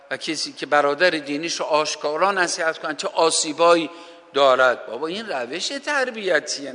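Male preacher, fervent sermon, rhetorical questions, scripture recitation, slightly high voice, long hall reverb. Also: sharp tone. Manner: addresses listeners as brothers and sisters. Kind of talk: sermon on family advice.

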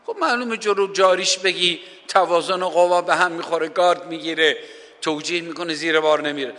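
A man's voice: a little high, steady tone, fairly bright tone, in a large hall. A man from Iran preaching a sermon, fervent, posing rhetorical questions and reciting scripture in Arabic while addressing listeners as brothers and sisters. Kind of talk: sermon on family advice.

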